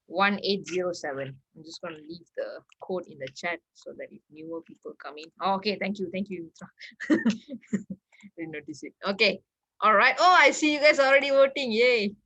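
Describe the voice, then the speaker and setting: Bright-voiced woman hosting an online workshop. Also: mid-range voice, moderate pace. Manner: chatty, laughs often. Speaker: workshop facilitator. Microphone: video call.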